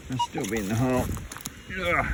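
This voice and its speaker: A man's voice: mid-range voice, animated, brisk, very noisy. An Australian man talking casually as he metal detects outdoors, laid-back and salty, with Aussie slang and the odd mild swear. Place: outdoors on the goldfields, rural bush. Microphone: camera mic outdoors, wind at times.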